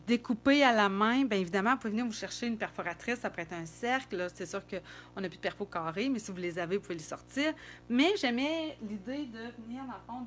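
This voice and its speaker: A middle-aged woman with a Québécois accent talks through a craft demo, chatty and thinking aloud as she works. Her voice sits a little high. Soft music plays behind her. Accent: Québécois French. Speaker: card-making demonstrator. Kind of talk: casual craft demonstration.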